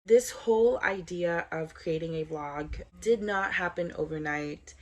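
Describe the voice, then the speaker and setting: A woman in her twenties from Southern California speaks to her viewers in a lower voice. She sounds earnest and upbeat as she reads through her scripted introduction. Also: a little slow, slight background noise. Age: 20s. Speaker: vlogger.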